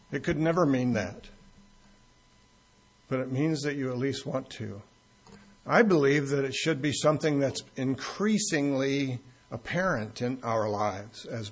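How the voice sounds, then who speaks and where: Gravelly, husky-voiced male preacher. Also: mid-range voice. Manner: conversational, jokes with the congregation. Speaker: pastor. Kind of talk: expository sermon with anecdotes.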